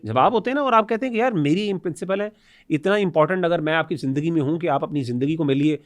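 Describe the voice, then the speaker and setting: A man's voice: a little high, fast talker, no room sound. A man in a casual podcast discussion, talking earnestly and with animation, often using devout religious phrases.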